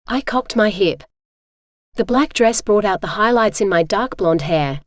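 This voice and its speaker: A woman's voice: mid-range voice, unhurried, dry recording, clean studio sound. Synthetic woman narrating an audiobook. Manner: even, steady text-to-speech reading. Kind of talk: scripted first-person narration.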